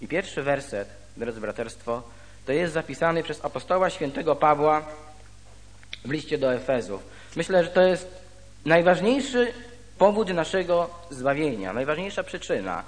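A man preaching a sermon. He reads scripture aloud and then explains it slowly, with pauses. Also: on the high side, expressive. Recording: reverberant hall.

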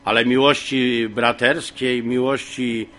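A man's voice: medium pitch, level tone, takes it slowly, fairly bright tone. Man giving a homely Bible talk. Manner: homely, rambling, with frequent fillers and throat clearing. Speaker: preacher. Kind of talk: informal Bible teaching.

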